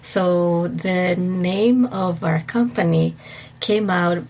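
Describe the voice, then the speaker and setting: A woman's voice: lowish voice, steady tone, very slow. Ecuadorian-accented woman, chatty and stuffy. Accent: Ecuadorian Spanish. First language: Spanish. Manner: warm, chatty, laughs often, many fillers. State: slightly stuffy from allergies. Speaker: guest, wedding planner. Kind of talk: casual podcast interview.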